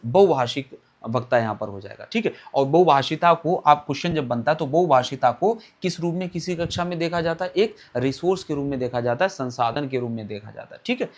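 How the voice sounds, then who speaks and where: Give me a male exam-prep teacher with a slightly high voice who quizzes and answers himself. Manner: asks questions and answers them himself; repeats key terms for emphasis. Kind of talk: online exam-prep lecture.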